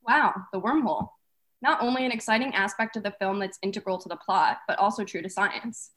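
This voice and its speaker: A woman's voice: mid-range voice, a little fast, fairly bright tone, natural voice. A young woman playing a bubbly red carpet host in a scripted student comedy sketch. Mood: upbeat. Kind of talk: scripted mock awards-show hosting.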